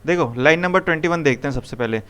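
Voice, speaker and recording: A man's voice: fairly high pitch, quick pace, fairly bright tone, clear, resonant tone. A young man teaching programming to a live classroom, coaxing students with repeated questions. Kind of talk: live classroom coding lesson.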